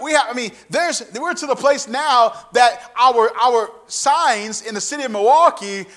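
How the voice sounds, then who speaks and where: A man from the American Midwest preaching a sermon, telling a story with lively swings between loud excited talk and hushed near-whispers, often repeating words as he goes. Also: very high voice. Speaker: traveling preacher.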